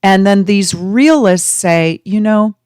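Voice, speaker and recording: A woman astrology host teaching her viewers, talking them through ideas with drawn-out emphasis and rhetorical questions. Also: medium pitch, darkish tone, smooth, no room sound, clean studio sound.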